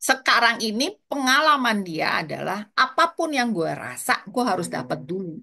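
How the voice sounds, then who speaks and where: An older woman with a Jakarta colloquial accent, telling lively stories as she gives parenting advice. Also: on the high side, brisk, creaky. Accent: Jakarta colloquial Indonesian. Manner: lively storytelling with quoted asides. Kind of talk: casual advice chat.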